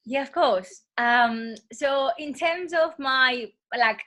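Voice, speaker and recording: A woman with a cold, speaking in a husky voice as a yoga teacher being interviewed, meandering and full of soft fillers. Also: high voice, slow. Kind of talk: casual interview talk.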